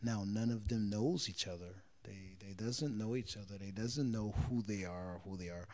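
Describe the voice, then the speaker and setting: Low-voiced earnest man being interviewed. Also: moderate pace, a little mellow. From Israel. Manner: earnest, searching for words, repeats himself. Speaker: street singer. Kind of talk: interview answers. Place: indoors, small living room on a sofa. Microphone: handheld interviewer mic.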